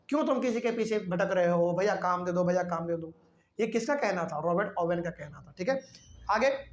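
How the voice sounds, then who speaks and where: A teacher explaining a history lesson for class 9. The teacher reads English lines slowly, then explains them in Hindi, asking the class questions and answering them. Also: mid-range voice. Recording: echoey room.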